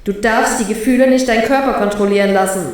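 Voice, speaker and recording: Woman doing a calm steady young man. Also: a little high, fast, very echoey, natural voice.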